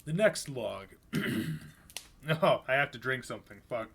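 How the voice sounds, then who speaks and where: A man doing a live reading of horror fiction, narrating in a low-key, even voice with casual asides between pieces. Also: measured pace, vocal fry, breathy edge. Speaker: reader.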